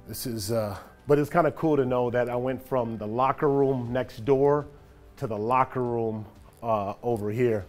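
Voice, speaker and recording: A man in his forties talks in an easygoing, reflective way, his voice sitting in an ordinary middle pitch. He tells stories about his playing days as he strolls through empty rooms and an open stadium, with soft music faintly underneath. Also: normal speed. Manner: relaxed, reflective, animated when greeting a friend. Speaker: former football player giving a stadium tour. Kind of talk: casual storytelling walk-and-talk. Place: empty locker room, then an empty open-air stadium.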